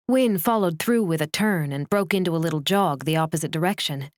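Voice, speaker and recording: Female audiobook narrator, measured and steady, lower register, dry studio read. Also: dry recording. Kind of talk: scripted novel narration.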